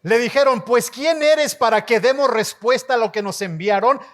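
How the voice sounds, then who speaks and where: A man preaching a sermon as pastor, leading his congregation in call-and-response and rising to shouts. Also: very high voice. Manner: slow, emphatic delivery, rising to shouts. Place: church hall before a congregation.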